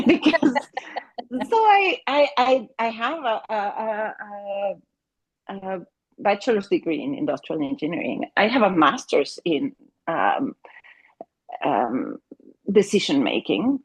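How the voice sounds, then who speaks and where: The recording is low quality, capturing a husky, mid-range voice with big pitch swings that moves slowly. The speaker is a middle-aged woman from Mexico, a Spanish native speaker with a Mexican accent, describing her work as a family therapist in an interview. She is earnest and restarts often, leaning on fillers.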